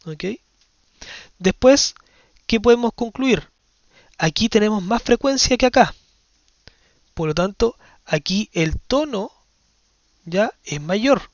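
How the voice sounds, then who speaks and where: A man with a fairly high voice explains physics to his class, step by step, checking that students follow. The recording is dry and a little dull. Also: expressive, slow, long pauses, no echo. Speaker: science teacher. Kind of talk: physics lesson explaining exam questions.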